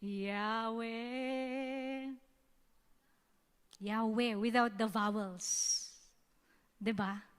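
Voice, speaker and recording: A woman's voice: fairly high pitch, big-room sound. A Filipino woman giving a youth sermon in casual mixed speech, often checking in with her listeners. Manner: conversational, keeps asking "diba?". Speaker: youth service speaker. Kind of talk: Taglish sermon teaching. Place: church hall.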